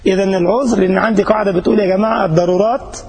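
A sheikh with an Egyptian Arabic accent gives an informal religious lesson to a live audience in Germany, joking, chatting and repeatedly checking that listeners follow. He speaks very fast in a high, steady voice with a darkish tone and breathy edge, captured on poor audio.

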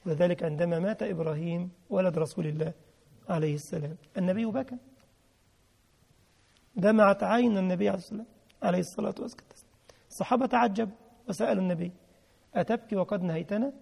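A man's voice: sits high, fast talker, gravelly, long pauses, a little mellow, slightly rough. A man preaching a sermon with an Egyptian accent, emphatic, repeating key phrases and quizzing his listeners. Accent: Egyptian Arabic. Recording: long hall reverb.

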